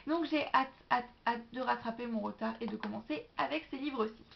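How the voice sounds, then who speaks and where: A woman's voice: on the high side, a little fast, creaky, slight background noise. Chatty young French woman on dull audio. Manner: chatty and enthusiastic, lively asides. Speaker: book vlogger. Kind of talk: casual book haul vlog. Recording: dull, lo-fi home video sound.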